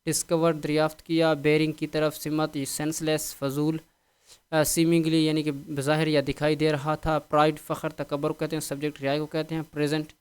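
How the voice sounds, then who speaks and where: A man's voice: on the high side, clean tone. A man teaching English vocabulary, going through a word list patiently and repeating a set phrase after each meaning.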